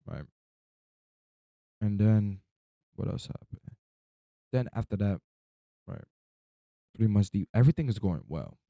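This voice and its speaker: A man's voice: lowish voice, animated, measured pace, long pauses, warm tone, no echo. A young man, sleep-deprived and drowsy, rambling casually through a personal story in loose slang with some swearing.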